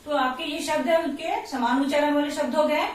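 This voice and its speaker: A woman school teacher giving a recorded lesson for children, slowly repeating each word and answer. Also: sits high, steady tone, a little hiss or hum. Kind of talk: slow recorded Hindi class lesson. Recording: very echoey room, voice from far off.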